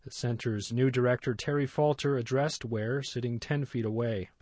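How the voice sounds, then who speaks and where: A man narrating a news report in a measured, scripted style. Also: mid-range voice, fairly even intonation, a little mellow, no room sound.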